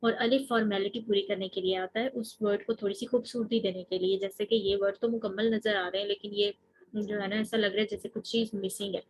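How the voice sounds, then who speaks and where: A woman's voice: mid-range voice, level tone, a little fast, rough recording. A woman teaching an Arabic grammar lesson, explaining each step patiently and asking her students questions as she goes. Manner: explains step by step, mixing in English terms and asking the class questions. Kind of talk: recorded lecture.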